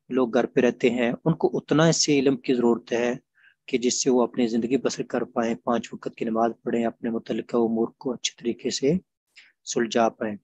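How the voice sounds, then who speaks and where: A man's voice: mid-range voice, a little mellow, husky, dry recording, dull audio. Patient man teaching a grammar class. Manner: patient, explanatory, repeats examples slowly. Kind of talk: online class lecture.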